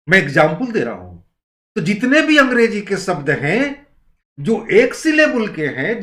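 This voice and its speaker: A man giving a recorded grammar lecture, explaining slowly and repeating each point. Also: high voice, a bit bright, echoey room. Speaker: grammar teacher.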